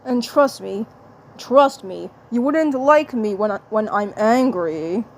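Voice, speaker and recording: A woman voicing a pompous male Martian who calls himself a gentleman, in a prim, haughty, deliberate manner, reading a fan story. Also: fairly high pitch, expressive, a little hiss or hum.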